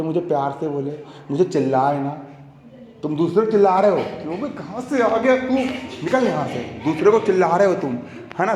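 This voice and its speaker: A man's voice: a little high, mellow. A young man teaching a coaching class, chatty and joking, often checking in with his students. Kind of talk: classroom lecture. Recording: echoey classroom with long reverb.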